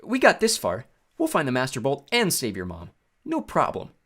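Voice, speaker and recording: A man's voice: wildly swooping pitch, moderate pace, bright, forceful tone, slightly rough, heavily acted. A man voicing a nervous, timid but loyal young male friend in an audiobook, hesitant and stammering. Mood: nervous bravado. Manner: hesitant, stammering, high and strained.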